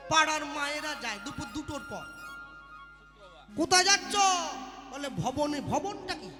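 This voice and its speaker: A man preaching a devotional sermon, full of rhetorical questions and mock dialogues. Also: very high-pitched. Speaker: kirtan singer and preacher. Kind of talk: devotional sermon with acted asides. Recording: live hall reverb with faint music.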